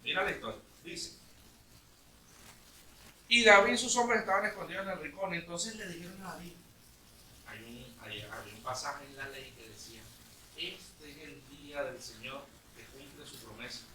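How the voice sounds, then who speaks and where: A male pastor preaching a lively sermon, retelling a story with acted-out lines and questions to the congregation. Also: on the high side, normal speed, a crowd in the background. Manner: lively storytelling, acting out bits of dialogue with sudden loud outbursts. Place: church meeting hall. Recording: echoey room from a distance with faint noise.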